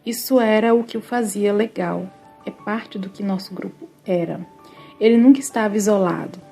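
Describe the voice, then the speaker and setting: A woman reading a quotation in an earnest, insistent way, with a gravelly voice. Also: mid-range voice, moderate pace, mellow, faint music behind, pitched above the performer's own voice, close to an everyday voice. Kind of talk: read quotation.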